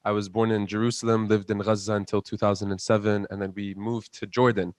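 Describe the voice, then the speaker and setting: A Palestinian student entrepreneur in his twenties answers interview questions as a guest, talking fast in a lowish, level voice. He speaks earnestly and passionately, often repeating words as he builds his point. The audio is clean studio sound with no room sound.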